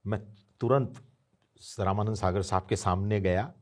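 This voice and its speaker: A man in his fifties with a voice on the low side relates an anecdote at a measured pace during an interview. He acts out the voices of everyone he quotes.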